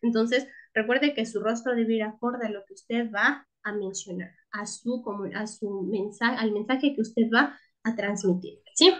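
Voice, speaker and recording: A woman teaching a class, checking in with her listeners again and again and restarting words as she goes. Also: on the high side. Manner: checks in with frequent tag questions; restarts words and repeats herself. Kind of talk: class lecture.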